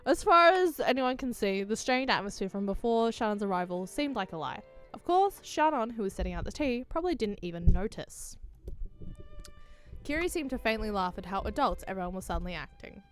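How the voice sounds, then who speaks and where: A woman's voice: mid-range voice, expressive, a little fast, soft background music. A woman reading a visual novel aloud and voicing its characters, cursing and laughing at her own attempts. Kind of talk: casual dramatic read-along.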